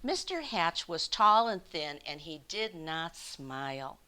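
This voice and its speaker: A woman reading a picture book aloud to children, expressively and with deliberate emphasis. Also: sits low, sing-song, bright, forceful tone, smooth. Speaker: children's storyteller.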